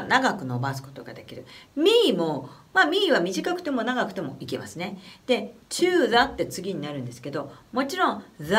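Lively Japanese woman vocal coach. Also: fairly low pitch. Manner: chatty, animated, demonstrates phrases slowly. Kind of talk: casual spoken singing lesson.

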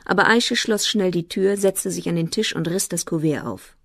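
Low calm female audiobook narrator. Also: moderate pace, vocal fry, dry recording, clean studio sound.

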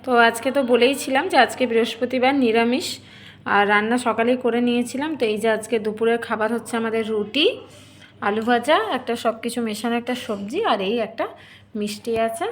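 A woman's voice: fairly high pitch, steady tone, a little fast. A young woman chatting casually in a home vlog, talking straight to her viewers. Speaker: vlogger.

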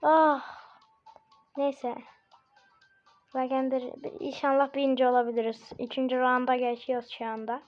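A woman hosting casual gameplay commentary, chatty and bursting into excited shouts at the game. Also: sits high, moderate pace, long pauses. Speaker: gaming channel host. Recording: muffled lo-fi recording with faint game music.

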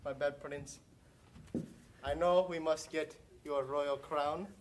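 A woman playing a gushing, devoted designer who fusses over her prince, talking theatrically with squealing high leaps. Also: steady tone, takes it slowly, very noisy. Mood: fawning. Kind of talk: improvised comedy skit.

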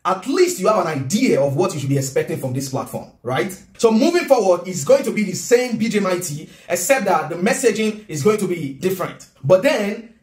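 Animated Nigerian man, high voice. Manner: animated, gestures a lot, earnest. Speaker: vlogger and business coach. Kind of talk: casual talk to camera. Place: home kitchen, indoors. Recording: roomy room echo.

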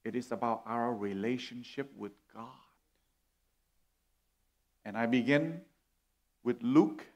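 Middle-aged man, measured guest sermon, mid pitch. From Vietnam. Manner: earnest, warm, gesturing as he preaches. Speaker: guest preacher. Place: church stage indoors.

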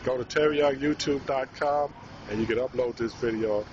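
A man hosting a street food vlog outdoors, firing off questions in quick, friendly chatter. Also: mid-range voice, lo-fi sound, noisy background. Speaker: host.

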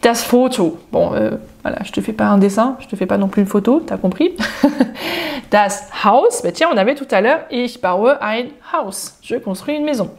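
Lady teaching german vocab, chatty and jokey, slows right down on the example phrases. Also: mid-range voice, gravelly, darkish tone. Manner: addresses the viewer informally, jokes. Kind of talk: casual spoken lesson.

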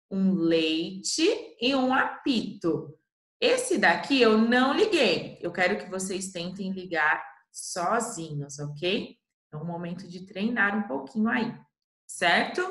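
Woman, Brazilian Portuguese accent, patient primary teacher, slow deliberate pace, bright voice. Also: mid-range voice. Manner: patient, spells out syllables and checks in with "ok?". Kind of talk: slow, clear literacy lesson for young children. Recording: echoey room.

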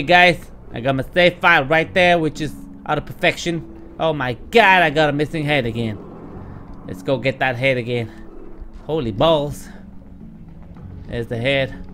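Pushed, bright, and fairly high, the voice belongs to a thirtysomething streamer commentating on gameplay from a room at home, with slight background noise and game music. He affects a Texas drawl, swears often, speaks to his viewers, and snaps with occasional frustration.

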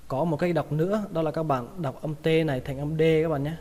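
A man with a Vietnamese accent gives a pronunciation lesson, drilling each English word over and over at an unhurried pace. His voice sits a little high for a man, and a long reverb trails after it. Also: steady tone, darkish tone. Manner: repeats each word slowly several times. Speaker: English vocabulary teacher.

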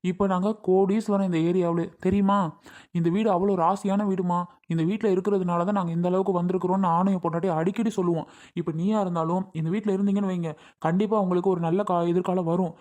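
A man's voice: sits high, steady tone, fast, a little mellow, natural voice. A man acting as a stubborn, boastful landlord who haggles hard and repeats his price, talking in a pushy way. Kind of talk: village family skit.

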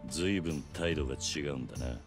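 A man's voice: rumbling low, moderate pace, over music. A man playing a stoic, terse ex-yakuza in a video game drama, with blunt yakuza-style speech. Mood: terse, firm. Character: stoic, terse male ex-yakuza tough guy.

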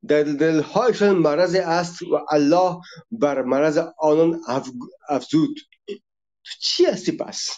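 A man's voice: a little high, mellow. Impassioned man on a dull lo-fi recording. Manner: emphatic, addresses listeners directly, cites verses one by one. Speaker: religion critic. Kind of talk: impassioned monologue.

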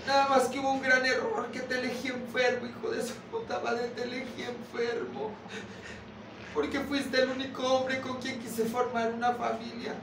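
A woman speaks from a podium in an echoey hall, her high voice caught from a distance over a noisy room. She keeps a narrow, steady pitch and pours out a raw personal testimony, swearing in a refrain she returns to again and again. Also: moderate pace. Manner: raw and heavily profane, repeating the same curse as a refrain. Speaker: speaker giving testimony at a group meeting.

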